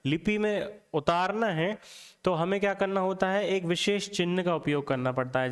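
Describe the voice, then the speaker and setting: A man's voice: on the high side, clean tone, in a large hall. A man teaching a Hindi grammar lesson, asking the class questions and answering them himself, often checking in with "theek hai".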